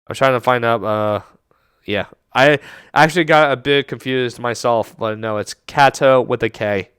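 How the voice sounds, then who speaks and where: A man casting a live online game tournament, with excitable, chatty and rambling play-by-play. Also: medium pitch, moderate pace, clear, resonant tone, no echo, clean studio sound. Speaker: esports tournament caster.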